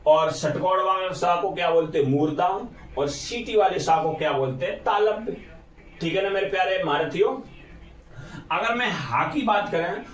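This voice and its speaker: A male teacher giving an exam-prep lesson, asking his students questions and then answering them himself. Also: high-pitched. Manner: call-and-response questioning. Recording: echoey room, far from mic.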